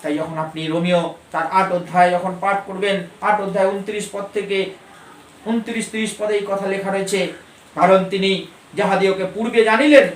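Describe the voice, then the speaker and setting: A man with a high, ringing voice preaches with fervor, repeating his key lines with rising emphasis. His voice rings through an echoey church and reaches a mic set some distance away, with faint noise underneath. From Bengal. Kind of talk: sermon.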